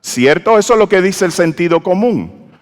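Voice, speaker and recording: A man's voice: sits high, expressive, moderate pace. Preacher man in a reverberant church. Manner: call-and-response preaching, asks the congregation questions. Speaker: pastor. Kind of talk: sermon. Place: church sanctuary. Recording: church hall with long reverb.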